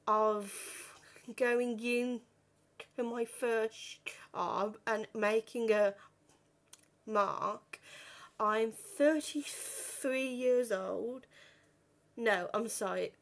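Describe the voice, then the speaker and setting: Woman, 30s, stammer, very slow delivery, slightly high voice. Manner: stammers, with repeated words and broken starts. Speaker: vlogger. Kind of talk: personal talk to camera.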